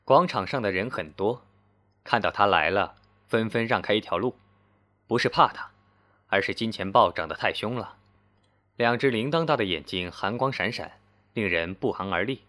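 A man reading a story aloud in scripted narration with expressive delivery. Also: fairly low pitch, moderate pace.

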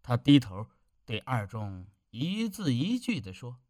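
A man's voice: mid-range voice, big pitch swings, a little slow, darkish tone, dry recording, clean studio sound. A man narrating a village story in an emphatic storytelling manner. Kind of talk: audiobook narration.

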